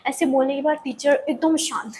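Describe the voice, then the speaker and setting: A young woman telling a personal story in a casual, animated way, often slipping English words and phrases into her talk. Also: high voice, moderate pace, a little hiss or hum, rough recording. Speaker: vlogger.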